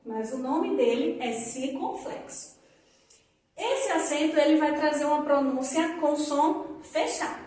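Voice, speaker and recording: Woman, high voice, children's teacher, stretched-out example words, very echoey room, voice a bit off the mic. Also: a little mellow, far from the mic, a little hiss or hum. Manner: slow, drawn-out example words for children to repeat. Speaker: primary school teacher. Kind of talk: recorded lesson for young children.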